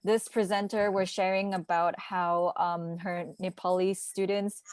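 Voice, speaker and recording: In a casual video-call discussion at an online conference, a young Malaysian woman participating as an assistant language teacher talks chattily, scattering fillers and light laughs. Her lowish, smooth voice is flat in delivery and measured in pace, with no room sound.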